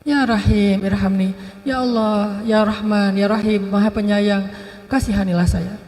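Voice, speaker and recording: A man voicing a pleading old grandmother who begs softly and over and over for a child. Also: medium pitch, steady tone, unhurried, voice pushed down, lightly acted. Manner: pleading, soft, repetitive. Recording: long hall reverb.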